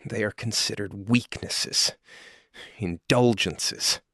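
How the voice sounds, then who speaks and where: A man voicing a centuries-old, proud, brooding vampire lord confessing love in a whispered role-play, husky and breathy, with halting, intense delivery and dramatic pauses. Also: fairly low pitch, a bit bright, dry recording, studio quality, exaggerated voice. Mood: proud, guarded.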